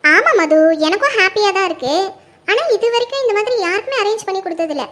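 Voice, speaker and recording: A woman's voice: extremely high pitch, lively intonation, quick pace, sharp tone, full character voice. A woman voicing a polite young female office worker in a cartoon. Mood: pleased.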